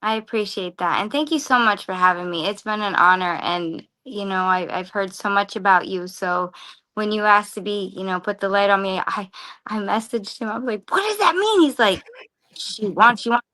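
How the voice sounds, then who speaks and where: A woman guest on a podcast talking casually about her projects and acting out conversations with excitement. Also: medium pitch, normal speed. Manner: excitable, acts out quoted dialogue. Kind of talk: casual interview chat.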